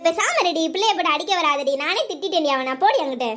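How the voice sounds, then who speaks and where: A woman's voice: very high voice, lively intonation, quick pace, noisy background. A woman voicing a bossy but caring middle-aged village aunt in a cartoon, firm and soothing. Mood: scolding. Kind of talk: cartoon voice acting.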